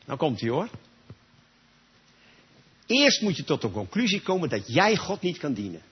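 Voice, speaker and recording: A man's voice: a little high, sing-song, normal speed, husky. A man preaching a sermon in a church gathering, talking emphatically and straight to his listeners. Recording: dull lo-fi recording.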